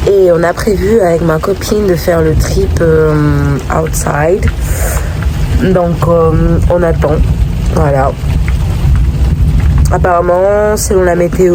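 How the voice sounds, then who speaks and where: A woman's voice: on the low side, slow, noisy background. A woman chatting casually to camera as a vlogger, hesitant and often repeating her words and phrases.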